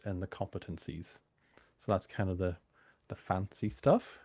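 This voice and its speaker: A British university lecturer, a man a bit hoarse from a cold, giving an informal training talk full of fillers. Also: on the low side, no room sound, clean studio sound. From United Kingdom. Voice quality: gravelly.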